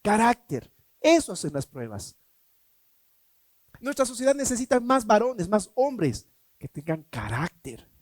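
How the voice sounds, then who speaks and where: A man preaching a sermon as pastor, emphatic, swinging between loud and hushed, asking rhetorical questions. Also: high voice, sing-song, a little slow, long pauses, dry recording. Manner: acts out quoted voices in a mocking tone.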